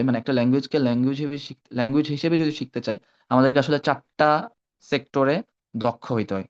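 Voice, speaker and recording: A man's voice: medium pitch, darkish tone. A man teaching an online Arabic class. He mixes in English words and keeps checking that his students follow. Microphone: video call. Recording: dull lo-fi online call audio.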